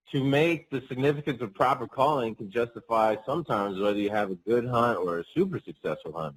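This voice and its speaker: A man's voice: medium pitch, a bit bright, rough recording. A man speaking as a guest hunting guide, casually explaining technique in an interview.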